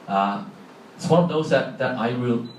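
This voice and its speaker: Heard from a distance in an echoey large hall with faint ambience, a middle-aged man with a Hong Kong accent chats his way through a public talk, asking the audience questions. His pitch is medium and his speed normal. A little hiss or hum sits under the recording.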